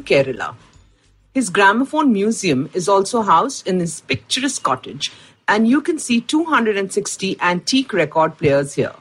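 Indian woman podcast host, husky tone, animated upbeat read. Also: on the low side, rough recording. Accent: Indian English. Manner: upbeat, enthusiastic storytelling. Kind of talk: scripted podcast narration.

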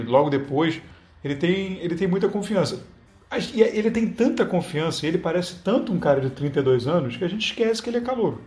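A man's voice: on the high side, darkish tone, roomy sound. A man co-hosting a casual basketball chat, hesitant and full of restarts but enthusiastic. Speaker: co-host commentator. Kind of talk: casual sports commentary chat.

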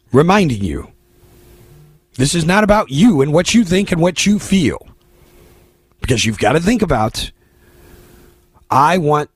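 A man's voice: on the high side, slightly rough, no echo. An American man hosting a political talk radio show, delivering an opinionated monologue in a blunt, emphatic, exhorting manner.

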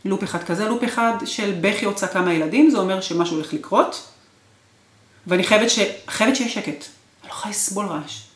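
Woman telling her story, roomy sound. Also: medium pitch. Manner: emotional, repetitive, intense storytelling. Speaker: guest. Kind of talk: personal interview, recounting her marriage. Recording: roomy echo.

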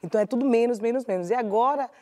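Fast-talking Brazilian woman, earnest and reflective. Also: on the high side, warm tone. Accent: Brazilian Portuguese. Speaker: talk show co-host. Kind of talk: casual talk show chat.

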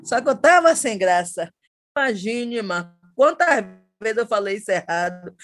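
A woman guest on a podcast, telling a funny story in an animated way and laughing as she talks. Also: fairly high pitch, normal speed. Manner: animated comic storytelling, often says "my daughter". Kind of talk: casual podcast chat.

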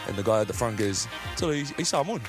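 An Australian man chatting as a guest in a radio studio, laid-back and slangy as he tells his stories. His pitch swings around expressively. Music plays quietly under the talk. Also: very animated, fast talker. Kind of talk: casual interview chat.

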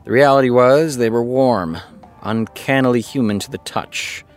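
In a fiction podcast, a man plays an exasperated, sarcastic TV creator who reads fan fiction aloud, muttering sardonic asides between the passages. His medium-pitched voice is close to an everyday one, at a normal speed, with soft background music.

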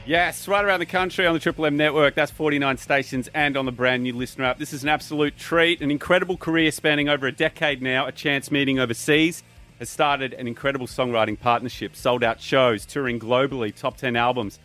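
A man hosting a radio interview, brisk, enthusiastic and casual. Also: mid-range voice, steady tone, sharp tone, faint music behind. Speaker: radio host.

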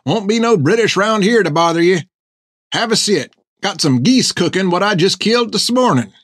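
A man voicing a filthy, cackling old male beach hermit who croaks and whoops in a rustic dialect. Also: sits high, lively intonation, moderate pace, a bit bright, no room sound, studio quality, pitched above the performer's own voice. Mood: rowdy.

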